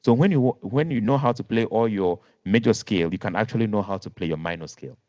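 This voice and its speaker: A man's voice: fairly low pitch, fast talker, a little mellow, no room sound. A man teaching a music lesson online, patient, repeating and rephrasing, counting notes aloud. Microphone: video call. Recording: dull lo-fi video call audio.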